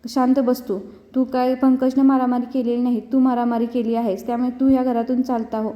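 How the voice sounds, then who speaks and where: A woman's voice: fairly high pitch, little pitch movement, brisk, natural voice. A woman reading the lines of a bitter mother-in-law who scolds and insults, in a dull, reverberant recording. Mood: scolding.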